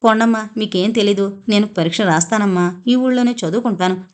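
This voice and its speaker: A woman's voice: mid-range voice, fairly quick, close to an everyday voice. A woman voicing a stubborn, proud schoolgirl who argues angrily and then pleads in tears, in an audio novel. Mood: tearful. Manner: indignant, pleading, read aloud.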